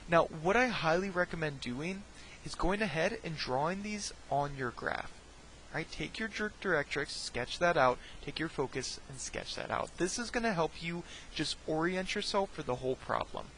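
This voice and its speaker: A man's voice: fairly high pitch, animated, normal speed, a bit bright, a little hiss or hum, poor audio. A man teaching a recorded math lesson, talking each step through, often checking in with "right?" and dropping jokey, self-deprecating asides.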